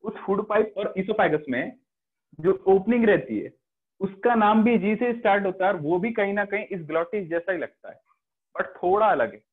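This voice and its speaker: A man's voice: high-pitched, normal speed, breathy edge. Indian man teaching biology over a call. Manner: mixes Hindi and English, asks students checking questions. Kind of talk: online class lecture. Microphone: video call. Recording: phone-like online class audio.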